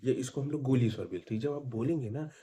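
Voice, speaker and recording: A man's voice: mid-range voice, quick pace, dark tone, slight background noise. A man teaching a grammar lesson, who sounds out vowels aloud and asks and answers his own questions.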